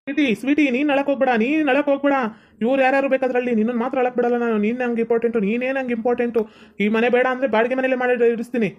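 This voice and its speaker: A woman's voice: a little high, flat delivery, lightly acted. A woman voicing a stubborn, devoted husband who talks firmly and reassuringly. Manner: firm, rapid, reassuring. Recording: dull lo-fi sound.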